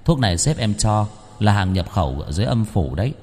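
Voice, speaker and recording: A matter-of-fact young ghost helper in a spoken ghost story, voiced by a male narrator. He talks calmly and plainly in a fairly low voice. His delivery stays easy. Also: a little fast, in a large hall.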